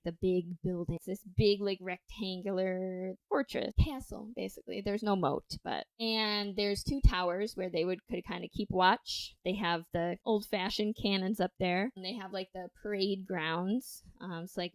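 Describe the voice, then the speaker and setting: A woman's voice: medium pitch, darkish tone, no room sound, low-quality recording. A young woman from western New York, co-hosting a podcast and telling ghost stories in a casual rambling way, swearing now and then. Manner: rambling storytelling with fillers and swearing. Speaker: podcast co-host.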